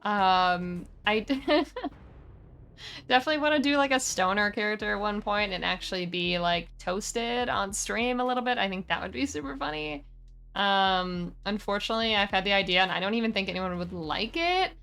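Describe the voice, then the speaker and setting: A woman's voice: mid-range voice, lively intonation, normal speed, creaky, a bit bright, clear, resonant tone. A young adult woman streamer chatting casually with viewers, giggly and full of filler words. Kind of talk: casual chat.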